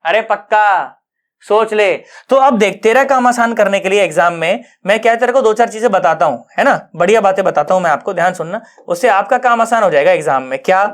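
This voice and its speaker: A male physics teacher gives an online lesson in a high voice, talking a little fast. He's colloquial and jokey, weaves in English physics terms, and keeps checking whether students have understood.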